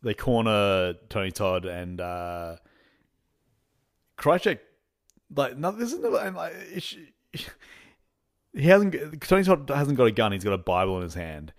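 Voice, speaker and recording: A man with a very low voice hosts a casual podcast chat. He recaps at length, stumbling through fillers and restarts. He laughs now and then and acts out characters' lines as he retells the scenes. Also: expressive, measured pace, pauses often. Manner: rambling, full of fillers and restarts, laughs often. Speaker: podcast host.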